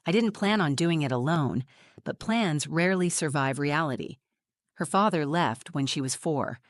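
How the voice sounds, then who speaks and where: A woman in her forties tells a scripted story in the first person, her delivery measured and reflective. Her voice sits fairly low. The sound is close and dry, with no room around it. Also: lively intonation, no room sound. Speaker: narrator.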